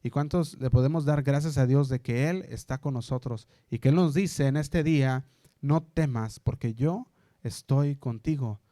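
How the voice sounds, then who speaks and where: A male pastor delivering a sermon. He often checks in with the congregation and slows down to stress quoted scripture. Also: mid-range voice, dark tone, no room sound, studio quality. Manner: preaching, often asking the congregation "¿verdad?".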